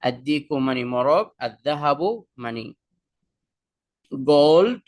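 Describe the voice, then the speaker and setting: A man teaching an Arabic lesson, drawing out each example word slowly and carefully for learners. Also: fairly high pitch, lively intonation, darkish tone. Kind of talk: language lesson.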